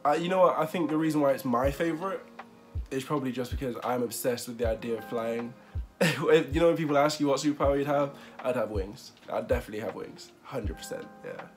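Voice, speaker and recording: A man's voice: medium pitch, fast, soft background music. A man of twenty-one chatting casually in a vlog interview, rambling with fillers and frequent laughs. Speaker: vlogger.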